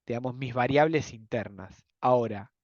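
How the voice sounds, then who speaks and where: A young Argentine economics lecturer speaks in an Argentine Spanish accent during a university class, walking through the material step by step. He uses lots of filler words and keeps checking that students are following. His voice is medium in pitch at a moderate pace, with no echo but lo-fi sound.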